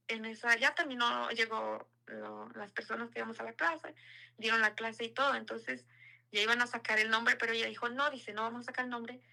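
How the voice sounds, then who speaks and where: Bright, gravelly-voiced woman sharing faith. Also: fairly high pitch, low-quality recording. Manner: earnest, repeats words for emphasis. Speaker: guest giving a testimony. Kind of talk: casual spoken testimony.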